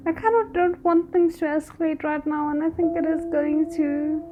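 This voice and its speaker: Phone-quality audio with slight background noise captures a woman reacting live to a drama series. As the host, she keeps it casual and wry, posing rhetorical questions to the characters, her high voice fairly even in intonation at a normal speed.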